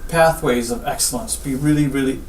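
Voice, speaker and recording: A man from Guyana who works as a spinal surgeon, answering interview questions in a measured, instructive way. He often returns to what he tells his patients. The recording sounds roomy and slightly distant, with faint ambience behind him. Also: medium pitch, slight background noise. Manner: measured, advice-giving, repeats "I tell them".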